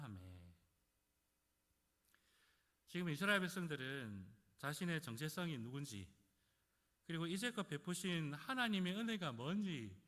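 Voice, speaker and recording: A man preaching a sermon, addressing the congregation with rhetorical questions and dramatic swings in volume. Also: a bit bright. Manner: dramatic rises and drops in pitch and volume. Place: church sanctuary. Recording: church hall reverb.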